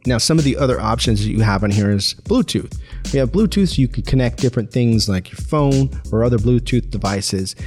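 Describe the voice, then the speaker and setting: A man's voice: mid-range voice, lively intonation, fairly quick, darkish tone, soft background music. A man streamer giving a casual, chatty product demo with frequent chuckles. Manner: upbeat, chatty, chuckles often. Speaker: streamer reviewing gear.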